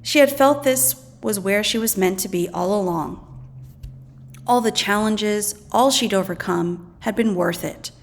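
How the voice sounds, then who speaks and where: A woman with a mid-range voice reads educational content at an unhurried pace, with slight background noise. Her scripted narration takes a teacher's instructional approach of explaining things and asking questions.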